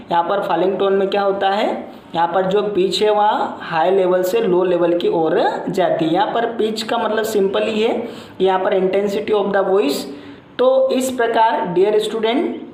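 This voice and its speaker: A woman teacher explaining a lesson step by step and slowly repeating example sentences. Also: medium pitch, a little mellow. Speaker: English teacher. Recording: echoey room.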